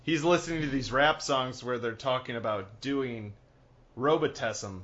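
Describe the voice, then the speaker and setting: Male podcast co-host, animated and rambling, middle pitch, slightly muffled recording. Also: moderate pace. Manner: animated, rambling, laughs often. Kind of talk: casual chat.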